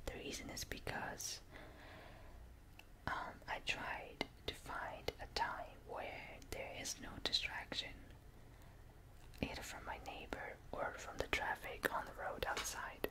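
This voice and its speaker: A young ASMR video maker whispers softly throughout, very slowly and without hurry. It's a casual, breathy, intimate ramble moving ear to ear, right up close through a binaural microphone. The recording is rough.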